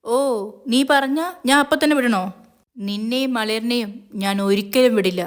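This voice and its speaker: A woman's voice: on the high side, normal speed, lightly acted. A woman voicing a male villain who mocks and threatens over the phone. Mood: taunting. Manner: mocking, taunting, threatening. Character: menacing male villain, gloating kidnapper.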